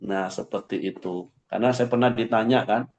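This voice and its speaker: A pastor giving conversational Bible teaching at an online morning devotion, jumping up for emphasis and dropping low to close each point. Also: male voice, normal speed, vocal fry, darkish tone, roomy sound, lo-fi sound, a little hiss or hum. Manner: conversational, rises sharply for emphasis, ends points with a low aside.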